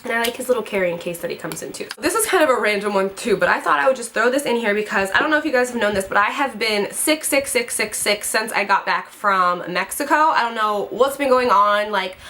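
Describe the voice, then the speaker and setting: Bubbly and gushing, a twenty-something beauty vlogger talks casually to the camera, a bit stuffed up from a head cold. Her voice runs fairly high, expressive and sharp, moving briskly with few pauses.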